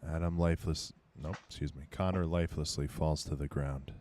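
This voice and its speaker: Very deep-voiced male game master. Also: steady tone, brisk, a little mellow, a little hiss or hum. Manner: grim dramatic narration. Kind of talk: narrating a tabletop game. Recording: faint background music.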